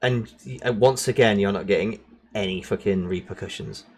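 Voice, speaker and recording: A man's voice: lowish voice, moderate pace, husky. A man streaming a truck driving game, chatting casually and teasing his co-player, sometimes breaking into silly sing-song noises. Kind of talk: casual gameplay chat with a co-player.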